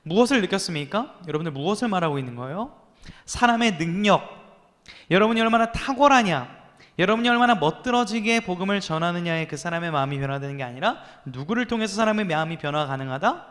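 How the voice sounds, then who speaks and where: Pastor, man, 30s, high voice, youth sermon, storytelling style, long hall reverb. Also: animated, quick pace, fairly bright tone. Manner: storytelling with acted quotes and rhetorical questions to listeners.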